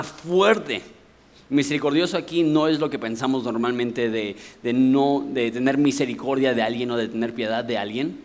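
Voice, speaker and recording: With a medium pitch and a slightly mellow quality, a Mexican man preaches from the pulpit as a pastor. His delivery is conversational, full of explanation and rhetorical questions, in a Mexican Spanish accent.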